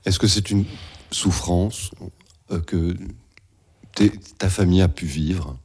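Man, interviewer, very low voice, husky, probing, rephrases answers. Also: takes it slowly, darkish tone. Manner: probing, rephrases the guest's words back. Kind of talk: interview questions.

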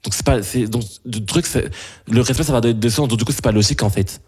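A young man from Belgium answering interview questions, halting and full of restarts and fillers. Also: medium pitch, a little mellow, slightly rough.

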